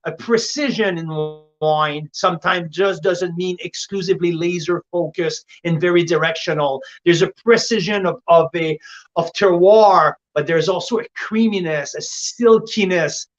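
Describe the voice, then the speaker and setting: A man's voice: sits high, moderate pace. A man hosting a casual wine tasting and reviewing wines like a sommelier. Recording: dull, lo-fi audio.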